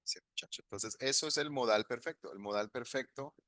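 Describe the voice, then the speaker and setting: Male English teacher, online class, patient step-by-step explainer, bright voice, dry close sound. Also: mid-range voice, fairly quick, no echo. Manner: explains step by step, switching between Spanish and English examples. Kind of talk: live online grammar class.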